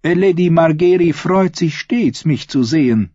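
A man's voice: on the high side, expressive, unhurried, warm tone, no echo, pitched above the performer's own voice. A man reading an audiobook and voicing a sly, teasing court lady. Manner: playful, teasing. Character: sly, giggling court lady, a grown woman. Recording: slightly dull, dry recording.

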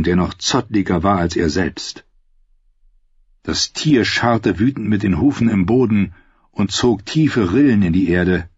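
A man narrates a fantasy audiobook in a lowish, husky voice. The recording is dry, with no room sound, and a little dull. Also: a little mellow, no room sound. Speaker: audiobook reader.

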